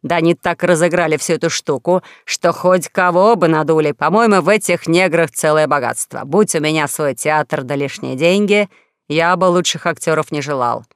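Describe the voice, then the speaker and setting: A woman lowers her voice into a sly con-man duke with a sneering, sardonic edge. He needles and mocks, a storybook rogue heard close and dry. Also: moderate pace, clear, resonant tone, no echo. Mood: mocking. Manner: mocking, sardonic.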